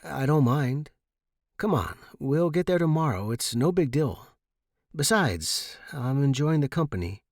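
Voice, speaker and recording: A man playing a gentle, shy young man. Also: medium pitch, very animated, a little slow, dry recording, clean studio sound, pitched above the performer's own voice. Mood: reassuring. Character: shy, easygoing young man lost underground.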